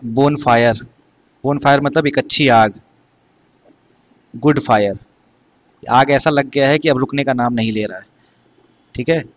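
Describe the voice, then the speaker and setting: Male teacher, mid-pitched, explains terms step by step and quizzes students. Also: measured pace, pauses often. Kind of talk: exam vocabulary lesson.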